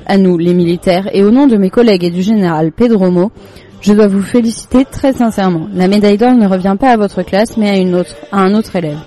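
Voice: medium pitch, fairly quick, dark tone, lightly acted. The storybook narrator voicing a pompous male army officer who speaks stiffly and ceremoniously to a class of children.

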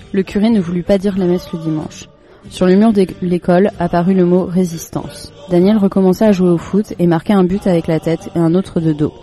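A storyteller reading a short story aloud in a calm, steady narrating voice. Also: mid-range voice.

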